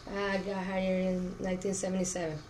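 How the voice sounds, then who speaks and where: A Cuban auto plant worker, middle-aged and Spanish-speaking, responds to questions during an oral history interview. Her voice is on the low side and darkish, monotone, and a little fast. Noise can be clearly heard in the background.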